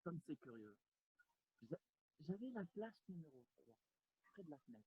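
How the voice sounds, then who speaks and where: A man playing a stiffly polite English gentleman in an absurdist stage scene, speaking in a halting, ceremonious way over a video call. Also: a little high, sing-song, breathy edge, lo-fi sound. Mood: formal. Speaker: amateur actor.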